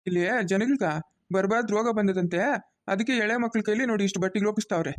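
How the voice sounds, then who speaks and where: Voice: medium pitch, fast, natural voice. A cartoon voice of a stern, protective middle-aged village father, lecturing bluntly.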